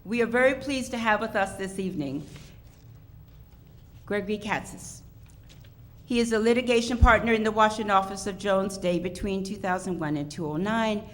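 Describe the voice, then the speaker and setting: A woman's voice: mid-range voice, moderate pace. A woman giving a podium speech as host, introducing a public program. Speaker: institute associate director, event host. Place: public event venue, audience present. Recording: faintly noisy live event recording.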